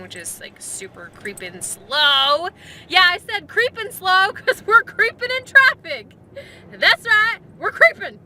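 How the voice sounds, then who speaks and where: Young woman, chatty vlogger, high lively voice, bright tone, slight background hiss. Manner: chatty, giggly, baby-talks to her dog. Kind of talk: casual vlog chat.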